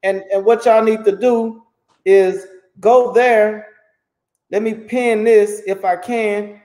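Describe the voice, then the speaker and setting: High-voiced hype man hosting a livestream. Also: slow. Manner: animated, repeats words, preacherly hype. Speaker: host. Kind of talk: casual livestream interview. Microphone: phone.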